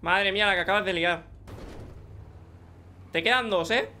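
Excitable young Spanish man, high bright voice, gaming commentary over faint background noise. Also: moderate pace. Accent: Spanish from Spain. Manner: excitable, joking, talks to teammates. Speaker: gaming YouTuber. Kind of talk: live gameplay commentary.

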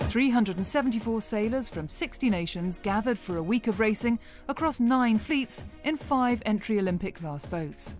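A woman narrating a sailing news show in a measured, polished broadcast style. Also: mid-range voice, darkish tone. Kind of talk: scripted sports news narration.

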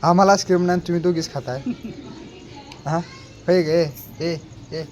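High-voiced man teasing playfully. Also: fairly even intonation, moderate pace, darkish tone. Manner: playful teasing, mock scolding. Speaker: vlogger, father. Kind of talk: casual family vlog.

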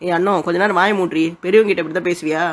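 Warm-hearted peacemaking elder sister, brisk and gently firm, acted. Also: mid-range voice, steady tone, lightly acted. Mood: mediating. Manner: soothing, scolding her sister gently, generous. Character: kind, calm elder sister who mediates. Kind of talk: comic village skit acting.

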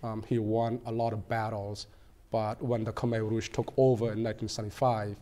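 A man in his forties, born in Cambodia, telling his story as a guest in a TV studio interview, earnest and measured with frequent ums. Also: fairly low pitch, flat delivery, warm tone. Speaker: guest, political candidate. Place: small TV studio set.

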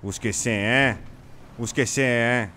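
A man's voice: mid-range voice, steady tone, moderate pace, pushed and bright, a little hiss or hum, natural voice. A streamer playing a touchy, grumbling man in an improvised role-play, tagging a questioning word onto nearly every phrase. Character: touchy, grumbling man who feels picked on.

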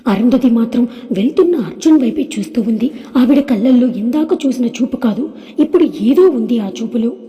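A woman narrating an audio story in a steady, even storytelling manner. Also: on the high side, brisk. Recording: long hall reverb.

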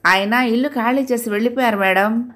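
A woman's voice: on the high side, fairly quick, fairly bright tone, pitched above the performer's own voice, close to an everyday voice. A woman voicing a humble male watchman who speaks politely. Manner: polite, deferential.

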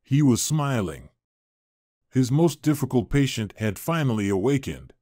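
Man narrating with lively intonation. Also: mid-range voice, unhurried, no room sound, studio quality. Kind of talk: scripted story narration.

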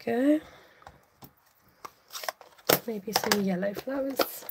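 A woman's voice: fairly high pitch, drawn-out words, heavy background noise. A woman hosting a live craft tutorial, chatting casually to her viewers while she works.

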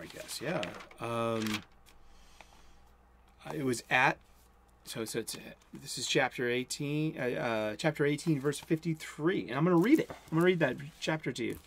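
A creaky voice of medium pitch belongs to the host, a Boston man in his forties. He delivers a casual sermon from a cluttered room at home, rambling, interrupting himself, and mumbling faster when something excites him.

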